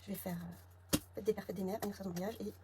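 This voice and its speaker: Her voice sits in the mid range and stays steady in tone while she talks fast. She's a budget vlogger from the south of France with the matching accent, muttering sums to herself as she counts envelopes at home. Clicks and clear background noise are audible.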